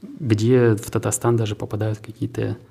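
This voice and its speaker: A man who heads a tech park, answering interview questions in a measured, businesslike way with some restarts. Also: fairly low pitch, little pitch movement, vocal fry, mellow, husky.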